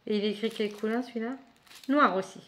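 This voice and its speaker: A woman's voice: on the high side, fast talker, a bit bright. A woman vlogging casually as she unboxes a book subscription box, chatty and thinking aloud with frequent asides.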